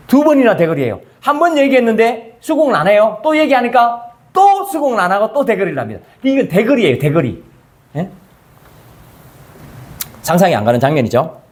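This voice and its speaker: Lively high-voiced man preaching a sermon. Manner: conversational, full of rhetorical questions; acts out quoted dialogue in changing voices. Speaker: pastor.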